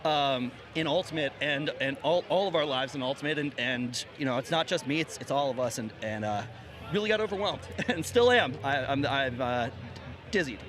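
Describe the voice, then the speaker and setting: A man coaching a team, speaking in an emotional post-game interview with a shaky, halting voice, stumbling over restarts and fillers after crying. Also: mid-range voice. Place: outdoor championship stage with a crowd. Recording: crowd noise behind.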